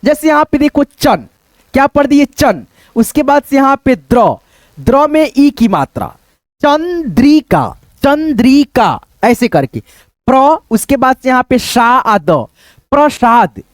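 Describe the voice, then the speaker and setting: A man teaching how to read difficult Hindi words, sounding out each syllable slowly and repeating words, often checking in with his viewers. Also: very high-pitched, big pitch swings, no echo. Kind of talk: step-by-step spelling lesson.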